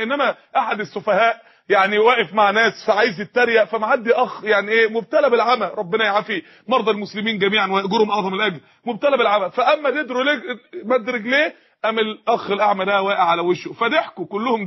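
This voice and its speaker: A middle-aged Egyptian man with an Egyptian accent, preaching an emotional sermon and swinging between crying out and quick asides. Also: high voice, lo-fi sound. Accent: Egyptian Arabic. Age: 40s.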